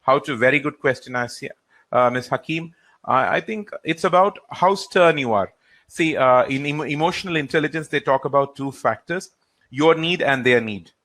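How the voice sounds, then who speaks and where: A trainer from India, whose first language is Hindi or Gujarati, answers audience questions during a live session. His fairly high-pitched voice is relaxed and halting, full of frequent fillers.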